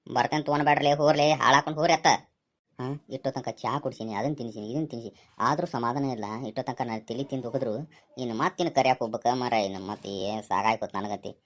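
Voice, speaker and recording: A woman playing a scheming young village guy in a comic skit, with a North Karnataka Kannada accent and rapid, scolding banter. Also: extremely low pitch.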